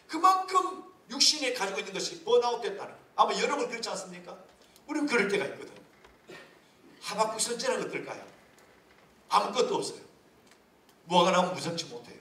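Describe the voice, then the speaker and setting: A man preaching a sermon as a pastor, lively and humorous, with many rhetorical questions. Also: high-pitched, fast, pauses often. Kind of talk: sermon at a leaders' retreat. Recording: echoey hall from far off.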